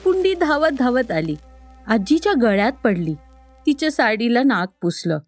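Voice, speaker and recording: Playful, high-voiced woman storyteller. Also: sing-song, moderate pace, faint music behind. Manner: playful and sing-song. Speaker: storyteller host. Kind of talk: children's story podcast narration.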